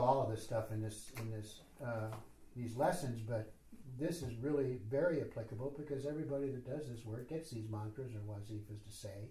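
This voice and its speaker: A retreat teacher leads a spiritual retreat session, chatting informally and rambling with lots of fillers and self-deprecating remarks. His voice sits in the mid range and sounds dark, and the room gives the recording a noticeable echo.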